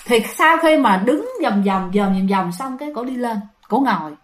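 A woman with a high voice tells a ghost story to her listeners. Her delivery is casual and chatty, turning to address them again and again. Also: lively intonation, moderate pace.

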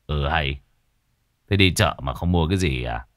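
A gruff older village husband, as a narrator puts him on, voiced low and grumbling in puzzlement. The recording is dry and close, with no room echo. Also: male voice, lively intonation, moderate pace, a bit bright.

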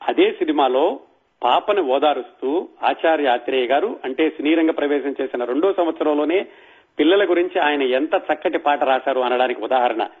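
A man hosting an audio talk show, slowly reciting film song lyrics and then explaining them. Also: on the high side, slightly rough. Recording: tinny phone-like audio.

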